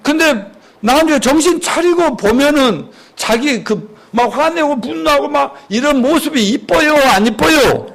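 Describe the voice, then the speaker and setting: A man with a notably high voice preaches in church with plenty of animation. He quizzes the congregation with quick questions and acts out the angry outbursts he warns against. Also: animated, vocal fry, fairly bright tone. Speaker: pastor. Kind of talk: sermon.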